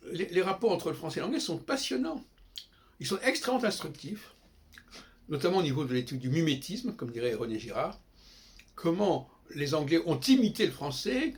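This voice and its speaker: Older male host, casual lecture, slightly high voice, rambling with frequent restarts. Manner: digressive, self-interrupting, frequent restarts.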